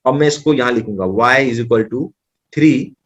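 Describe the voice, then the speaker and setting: A man's voice: mid-range voice, measured pace, dull audio. A man with an Indian accent working through maths problems as a tutor, thinking aloud as he writes and breezily reassuring the student.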